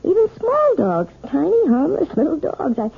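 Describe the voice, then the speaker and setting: An actress playing a timid, weary, anxious wife in a 1970s radio drama, speaking hesitantly and apologetically. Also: female voice, sits high, wildly swooping pitch, normal speed, creaky, slight background noise, heavily acted. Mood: anxious, pleading. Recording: muffled, tinny old radio broadcast.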